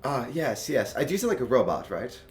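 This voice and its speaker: A chipper clockwork robot receptionist, put on by a man with a mid-pitched voice, formal and eager to please. He greets visitors in stiff customer-service phrases, slightly mechanical in his delivery. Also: big pitch swings, a little fast, soft background music, lightly acted. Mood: cheerful formal. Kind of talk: tabletop role-play character voice.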